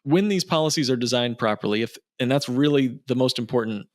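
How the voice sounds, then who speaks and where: A financial planner appearing as an expert podcast guest explains things fairly quickly in a conversational, persuasive manner, repeating himself for emphasis. His pitch is middling, and the recording is very dry with no echo.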